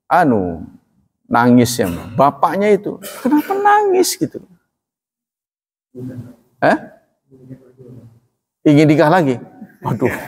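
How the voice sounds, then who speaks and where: A man's voice: medium pitch, gravelly, a little mellow. A man with an Indonesian accent preaching a sermon in a conversational, joking way, full of rhetorical questions. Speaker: Islamic preacher. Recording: echoey hall with long reverb.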